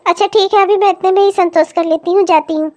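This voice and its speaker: A greedy younger daughter in a cartoon, always wheedling for more gold and gifts. Her voice is very high and sugary-demanding. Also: steady tone, fast, a little mellow. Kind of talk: cartoon comedy voice acting.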